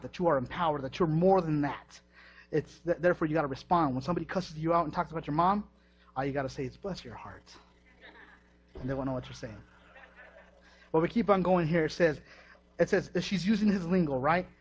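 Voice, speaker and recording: A man preaching a sermon in a lively, joking way, often repeating himself, in a dull lo-fi recording. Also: a little high, fast talker, husky.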